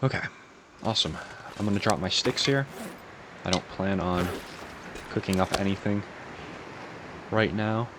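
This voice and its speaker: A man with a low, just-woken morning voice narrates a video game playthrough. He is calm and unhurried, musing aloud as he goes. Clear ambient noise runs behind him. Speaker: gaming channel host.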